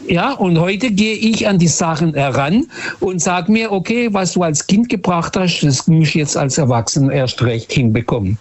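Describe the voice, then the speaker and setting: Man, reflective and fairly high. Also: normal speed, muffled recording. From Portugal. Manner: earnest, reflective, with frequent hesitations. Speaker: interviewee. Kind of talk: casual storytelling conversation.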